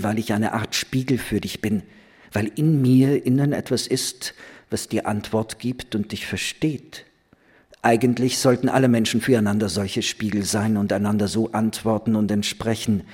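A commanding young woman, playful yet grave, read by a man in an audiobook. The voice sits low and slightly husky. It speaks slowly and with quiet insistence. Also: steady tone. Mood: earnest, commanding.

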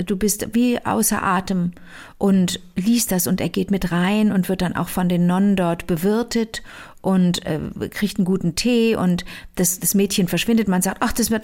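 A woman retelling a novel in casual chat, lively, with many fillers and restarts. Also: mid-range voice.

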